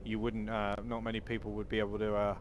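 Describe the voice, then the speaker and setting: A man with a Cornish accent and a fairly low voice chats casually over gameplay. He rambles in an easygoing way and often repeats his words. Vehicle noise is clearly audible behind him. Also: completely flat delivery, fast talker. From Cornwall, southwest England. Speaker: game livestreamer chatting with viewers.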